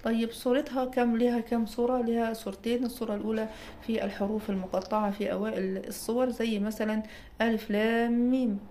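A woman's voice: mid-range voice, darkish tone, a little hiss or hum. A woman with an Egyptian Arabic accent gives an explanatory lecture as a recitation teacher. She asks and answers her own questions and checks in with her listeners.

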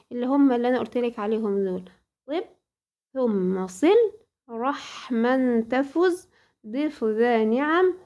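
Woman, Egyptian Arabic accent, high voice, tajweed teacher, asks and answers her own questions. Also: a little mellow. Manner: addresses a female student directly. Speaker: Quran recitation teacher. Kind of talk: tajweed lesson.

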